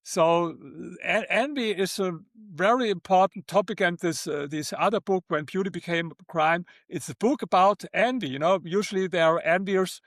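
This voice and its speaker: Older German-accented man, halting, high voice. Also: a bit bright, dry recording, studio quality. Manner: halting, repeats words, non-native phrasing. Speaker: guest author. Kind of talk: interview conversation.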